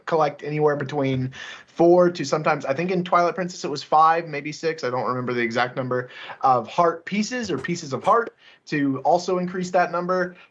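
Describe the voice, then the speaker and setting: A man co-hosting a podcast, explaining game trivia in a halting way, with many fillers. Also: on the high side, a bit bright, highs cut off. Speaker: podcast co-host. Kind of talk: casual chat.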